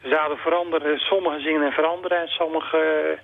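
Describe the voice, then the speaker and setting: A man's voice: fairly high pitch, little pitch movement, brisk, vocal fry. A man, a bookseller talking hesitantly with many fillers and restarts in a radio interview over the phone. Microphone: telephone. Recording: tinny phone line.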